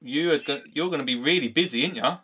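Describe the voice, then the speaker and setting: A man's voice: fairly high pitch, fast, bright, forceful tone, breathy edge. A man with an Essex accent hosting a live call-in, chatting casually in an informal, matey way. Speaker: live call-in show host. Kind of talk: casual unscripted chat with callers.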